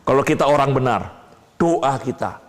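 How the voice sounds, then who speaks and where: A man preaching a sermon, asking his listeners questions and answering them himself, swinging between low asides and sudden high exclamations. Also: expressive, moderate pace. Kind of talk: sermon teaching. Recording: long hall reverb.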